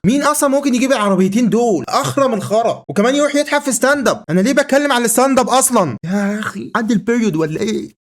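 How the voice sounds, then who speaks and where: A young man with an Egyptian Arabic accent, rambling through a self-mocking comic monologue to the camera, leaping between high and low pitches and trailing off into restarts. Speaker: comedy YouTuber.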